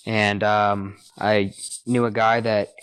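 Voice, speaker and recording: A man's voice: on the low side, flat delivery, slow pace, fairly bright tone, clear, resonant tone, poor audio. Young American guy, laid-back bro talk. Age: young adult. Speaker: podcast guest, sports podcast host. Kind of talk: casual chat, telling stories.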